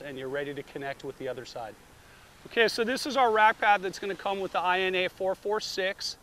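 A man's voice: fairly high pitch, fairly bright tone, slight background noise. A middle-aged man explaining a roof rack product step by step, recorded outdoors at a beach beside a car on a camera mic. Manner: plain step-by-step instructions. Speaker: product demonstrator. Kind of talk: product demonstration.

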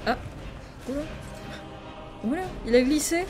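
A chatty, excitable woman doing let's play commentary, quick to shout and laugh at the game. Her voice sits a little high. Game music plays clearly behind her. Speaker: streamer.

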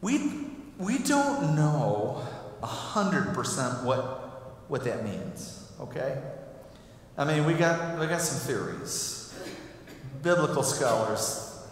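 A man's voice: fairly high pitch, very animated, slow pace, pauses often, a little hiss or hum. A middle-aged man preaching a sermon as pastor in a conversational way, asking the congregation questions, recorded in a church sanctuary from far off. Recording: echoey hall from far off.

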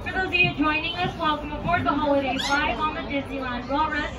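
A woman conductor making brisk, formal station announcements on a train. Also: sits high, fairly even intonation, heavy background noise. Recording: distant echoey speaker with loud crowd.

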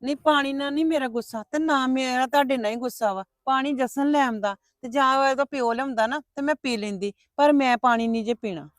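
A woman's voice: high-pitched, brisk, hardly any pauses, dry recording, studio quality, close to an everyday voice. A woman playing a hurt, stubborn young wife who sulks and refuses help. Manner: sulky, refusing. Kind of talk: family drama acting.

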